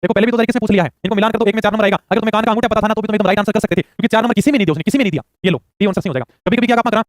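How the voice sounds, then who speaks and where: A man teaching a quiz-style exam prep lesson, firing off questions and urging quick answers. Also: sits high, dry recording, clean studio sound. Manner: rapid-fire, urging answers fast.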